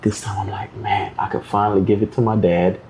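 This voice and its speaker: There's slight background noise as a man with a lowish voice and a Jamaican accent speaks fairly quickly. A guest artist in a podcast interview, he's an animated storyteller who imitates the voices of other people.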